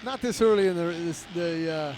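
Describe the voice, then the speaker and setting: A man co-hosting live race commentary, explaining riding in a relaxed way with plenty of fillers. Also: high voice, brisk, slight background noise. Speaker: co-host and analyst.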